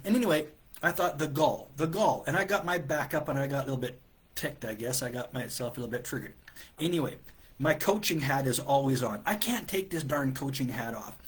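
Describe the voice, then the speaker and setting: A man hosting a live coaching show, telling a story in an animated, exasperated way with many restarts. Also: mid-range voice, brisk, breathy edge. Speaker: business coach and host.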